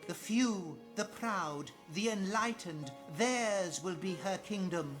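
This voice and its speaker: An actor playing a zealous, condescending cult priest in a fantasy game, sermonizing in grandiose, theatrical phrases. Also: male voice, sits high, animated, slow, fairly bright tone, soft background music, full character voice. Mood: exalted, haughty. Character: lofty, zealous cult priest preaching of a blood goddess.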